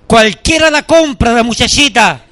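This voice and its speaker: A middle-aged man preaching a sermon as pastor, telling lively anecdotes and acting out the people in them. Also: extremely high pitch, normal speed. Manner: animated storytelling preacher, voices the people in his anecdotes.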